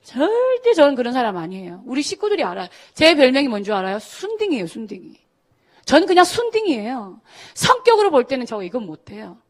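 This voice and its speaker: Animated middle-aged woman preaching. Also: high-pitched, a little fast. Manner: animated storytelling, acting out quoted voices. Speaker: pastor. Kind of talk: sermon testimony to students. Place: church service.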